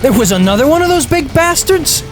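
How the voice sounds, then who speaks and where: A man's voice: extremely high pitch, big pitch swings, fairly quick. A man giving casual, critical video game commentary in a blunt, exasperated, sweary way. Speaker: video game let's player. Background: video game music.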